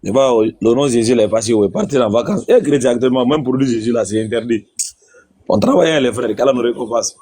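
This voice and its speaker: A man's voice: medium pitch, fast talker, warm tone, slightly rough. A man in a religious debate, insistently repeating his questions.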